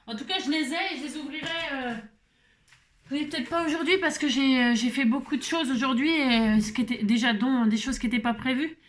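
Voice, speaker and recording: A woman's voice: high voice, a little fast. A tired French woman chatting casually at home while making a card, rambling with lots of fillers, restarts and small laughs. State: a little tired. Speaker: papercraft vlogger. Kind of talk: casual chatty craft tutorial.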